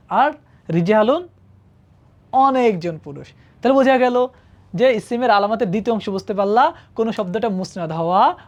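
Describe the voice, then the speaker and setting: A woman's voice: mid-range voice, a little mellow, lo-fi sound. A woman teaching Arabic grammar to students in a classroom-style lesson, patiently asking them questions and checking that they follow. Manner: patient, asks the class questions and often checks with "ঠিক আছে?".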